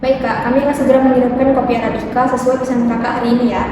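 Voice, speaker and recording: A woman's voice: a little high, flat delivery, rapid-fire, close to an everyday voice. A young woman playing a polite, apologetic customer service officer in an amateur business role-play, with a courteous customer service manner. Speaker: student acting in a class presentation. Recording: very echoey room, distant mic, noisy.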